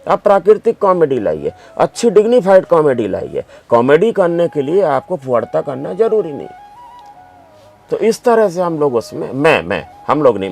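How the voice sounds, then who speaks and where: A man's voice: a little high, creaky, a little mellow. A man who is a doctor and writer, answering interview questions with emphatic, anecdotal storytelling.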